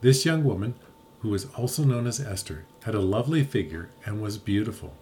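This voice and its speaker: A man's voice: lowish voice, animated, a little fast, darkish tone, a little hiss or hum. Man reading scripture aloud. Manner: laughs often, stumbles over names. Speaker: podcast co-host reading scripture. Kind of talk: casual Bible study chat with reading aloud.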